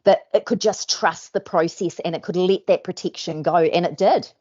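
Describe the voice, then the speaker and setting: A woman's voice: lowish voice, normal speed, darkish tone, dull audio. A woman, a hypnosis trainer hosting, chatting in an upbeat, encouraging, coaching way. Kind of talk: casual interview chat.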